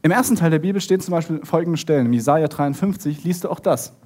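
A preacher retelling a Bible story in a lively sermon, acting out the characters and speaking straight to the listener. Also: mid-range voice, fast. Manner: animated, acts out the characters and talks straight to the listener.

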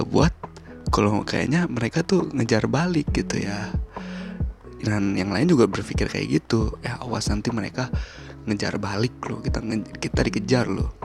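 Gravelly man, over music. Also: lowish voice. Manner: lively, acts out shouts. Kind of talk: casual storytelling. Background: music playing.

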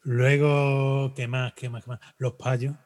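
A man's voice: mid-range voice, slow pace. Joking man in a casual chat. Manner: animated, joking, trails off into fillers. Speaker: podcast co-host.

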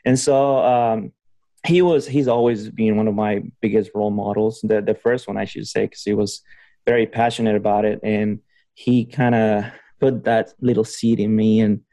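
With a warm, lowish voice and fairly even intonation, a young man from Honduras, a PhD student, talks at normal speed as a podcast guest. He chats loosely, rambling, laughing frequently, and restarting often amid many fillers, with no room sound.

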